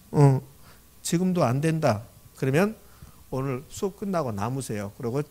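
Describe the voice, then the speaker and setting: A man giving an exam-prep lecture, reading formulas slowly, repeating them and often checking whether students follow. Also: on the high side, a little mellow. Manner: frequent check-in questions to the class. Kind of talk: classroom lecture.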